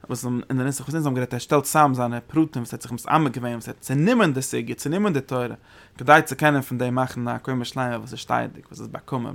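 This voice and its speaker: A man delivers a religious study lecture in a gravelly, mid-pitched voice. He talks in halting bursts, doubling back on his words. Every so often he lifts his voice high to drive a point home. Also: fairly bright tone. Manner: halting, repeats words and restarts phrases; sudden emphatic rises when stressing a point. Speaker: Torah teacher.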